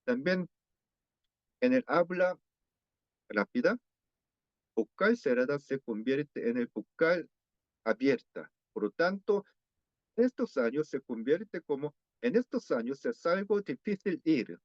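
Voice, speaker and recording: A man with a Korean accent lectures slowly and carefully, stopping to restart words and repeat examples. His voice sits a little high. The sound is dry and somewhat dull, like a lo-fi online session. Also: very animated, dry recording. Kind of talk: academic lecture on pronunciation.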